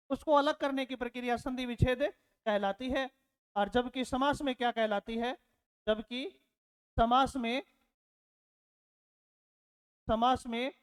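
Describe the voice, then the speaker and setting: A man's voice: very high voice, smooth, big-room sound. A man teaching a lesson, repeating his words and asking rhetorical questions, calling his learners children. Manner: addresses learners fondly as children. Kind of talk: classroom lecture.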